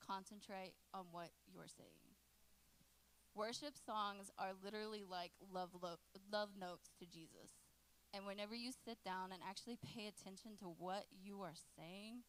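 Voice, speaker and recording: A young woman in her late twenties gives a youth group talk. She is relaxed and jokes with the teens. Her voice sits at a middle pitch. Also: slight background noise, low-quality recording. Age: 20s. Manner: lively and joking, chatting with teens in the room. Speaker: youth pastor.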